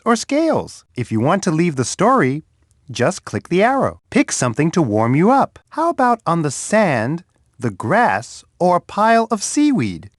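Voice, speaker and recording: A man voicing Bear, a big, friendly bear who guides young children through an edutainment game, talking to them warmly and patiently. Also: on the high side, no room sound, clean studio sound, exaggerated voice. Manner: warm, patient, talks straight to a young child. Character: big friendly male bear host, gentle and encouraging.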